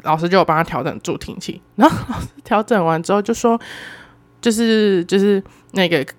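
A woman's voice: medium pitch, a little fast. A woman in her twenties with a Taiwanese Mandarin accent, hosting a podcast and telling stories in a casual, exclamatory, self-mocking way. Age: 20s. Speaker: podcast host. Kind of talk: casual solo storytelling.

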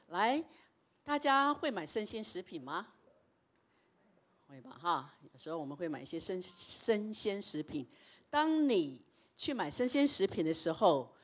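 A middle-aged woman pastor, preaching a sermon and telling personal stories, swinging between loud emphasis and hushed tones. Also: medium pitch.

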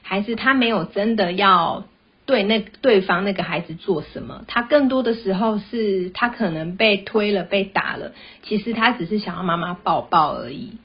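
A mother hosts a parenting podcast, chatting gently and sharing stories about her kids. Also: medium pitch, animated, normal speed, slightly rough. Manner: gentle, chatty, tells personal anecdotes. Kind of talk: casual podcast monologue. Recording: dull, slightly lo-fi sound.

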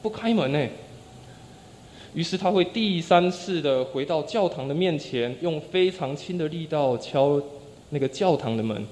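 A man preaches a sermon in a church sanctuary, his fairly high voice carrying a long reverb. He tells stories and acts out quotes, letting his phrases fall soft and low at their ends. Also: expressive, normal speed, slight background noise.

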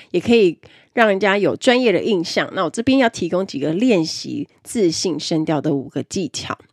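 A woman with a low, slightly husky voice talks through practical speaking tips like a lesson. Her pitch swings widely as she explains point by point, leaning hard on the key words of each list. The sound is close and dry, with no room around her. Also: a little mellow, dry recording. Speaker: self-improvement presenter. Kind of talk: instructional talk on speaking skills.

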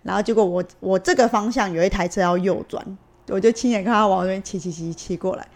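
A young woman with a Taiwanese Mandarin accent, co-hosting a casual podcast and telling a story in an animated way, acting out the dialogue. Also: medium pitch, fast talker. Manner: animated, acts out quoted dialogue. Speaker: podcast co-host.

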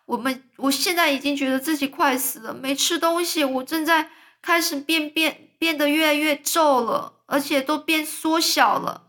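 A woman's voice: sits high, normal speed, voice pushed up. A woman voicing a gloomy, complaining blind earthworm in a storybook reading, whining and panicky. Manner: whiny, panicky, shouts in protest.

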